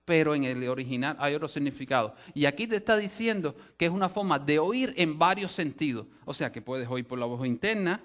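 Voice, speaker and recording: A man preaching to his congregation with a fairly high-pitched voice. He teaches patiently, stopping to rephrase his points and restarting words as he goes. His delivery is a sermon given as a lesson. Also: brisk, hardly any pauses, a bit bright. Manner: explanatory teaching with frequent restarts and "o sea" asides. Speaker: pastor. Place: church sanctuary.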